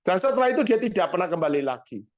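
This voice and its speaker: Conversational pastor with an East Javanese accent. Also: male voice, sits high, big pitch swings, quick pace. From Surabaya, Indonesia. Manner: conversational, addresses congregation directly. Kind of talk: sermon storytelling.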